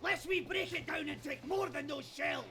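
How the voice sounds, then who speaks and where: An actor playing an angry, threatening sailor with a Scottish accent, yelling demands in a video game. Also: male voice, very high voice, normal speed, slight background noise, heavily acted. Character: angry male sailor crewman, threatening and defiant.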